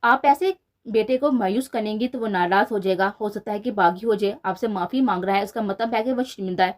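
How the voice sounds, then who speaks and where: A woman reading the lines of a calm middle-aged father who speaks in a gentle, soothing way. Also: mid-range voice, close to an everyday voice.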